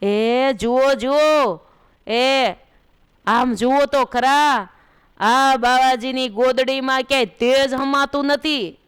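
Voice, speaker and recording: A woman's voice: high voice, slow pace, clean tone, pitched above the performer's own voice. A woman voicing an ecstatic village man crying out. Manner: loud, exclaiming, urging others. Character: ecstatic village man seeing divine light, excited.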